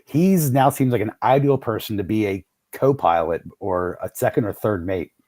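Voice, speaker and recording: A man's voice: lowish voice, animated, moderate pace, a little mellow, no room sound. A man talking passionately and emphatically on a podcast, sometimes stammering. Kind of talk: casual chat.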